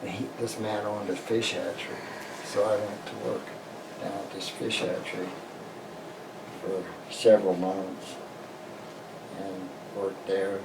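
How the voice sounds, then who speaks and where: Deep-voiced older American veteran remembering, halting. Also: male voice, level tone. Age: older, 60s or above. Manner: old veteran remembering, halting and plain-spoken. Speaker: interviewee, war veteran. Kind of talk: personal reminiscence in an interview. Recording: roomy, distant mic, noisy background.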